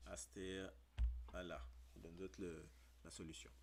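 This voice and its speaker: A man with a Mauritian Creole accent leads a casual lesson on radio. His voice sits fairly low and he speaks slowly and unhurriedly. He spells out words letter by letter, with plenty of hesitant fillers. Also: little pitch movement, gravelly, slight background noise.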